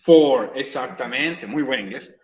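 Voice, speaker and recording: A man's voice: medium pitch, unhurried, echoey room, rough recording. A male English teacher with a Chilean Spanish accent, patiently explaining comparatives to his class and repeating key words. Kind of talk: recorded virtual class, explaining grammar in Spanish.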